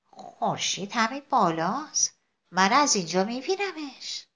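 A woman voicing a kind, beautiful bird who speaks in a gentle, encouraging way. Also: fairly high pitch, very animated.

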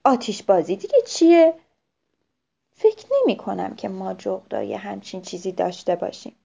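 A woman voicing a nervous young baby boy owl who cannot fly well yet, in a high squeaky voice. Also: steady tone, gravelly, warm tone, slightly rough. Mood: curious. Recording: dull lo-fi recording.

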